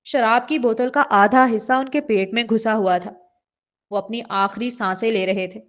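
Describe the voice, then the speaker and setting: A woman's voice: fairly high pitch, fairly even intonation, fairly bright tone, lightly acted. A woman voicing a frightened mother who confesses a past ordeal in a first-person audiobook reading, earnest and shaken. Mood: fearful.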